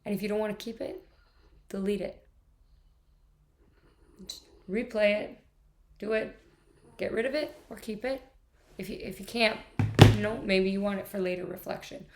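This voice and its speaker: A woman's voice: medium pitch, fairly even intonation, moderate pace, long pauses, darkish tone. A woman talking candidly in a rambling, profane, stream-of-consciousness monologue, often restarting and trailing off. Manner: restless, frequent restarts and trailing off. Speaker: vlogger.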